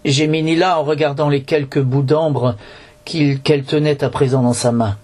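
A man's voice: fairly high pitch, fairly even intonation, moderate pace, darkish tone. A man reading a storybook aloud in French, narrating with occasional slips and restarts.

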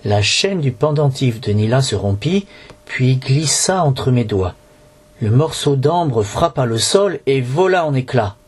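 A man's voice: medium pitch, lively intonation, a little slow, husky. A man reading a storybook aloud in French, narrating with occasional slips and restarts.

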